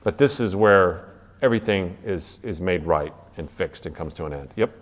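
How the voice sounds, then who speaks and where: A man's voice: low voice, normal speed, big-room sound. A male teacher giving an enthusiastic classroom lecture, with frequent restarts and asides. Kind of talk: classroom lecture with read-aloud passages.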